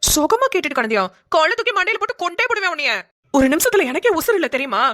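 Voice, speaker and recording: A woman voicing a scolding, sharp-tongued village neighbor in a cartoon. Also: extremely high pitch, big pitch swings, quick pace, full character voice. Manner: scolding, rustic. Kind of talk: cartoon voice acting.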